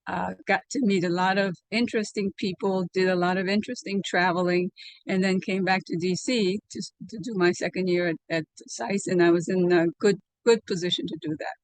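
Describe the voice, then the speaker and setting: An older woman from Liberia, recounting her past in an oral history interview over a video call, speaking in a measured way with many fillers. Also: lowish voice, fairly even intonation, no room sound. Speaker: interviewee, alumna. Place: home room, indoors. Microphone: video call webcam.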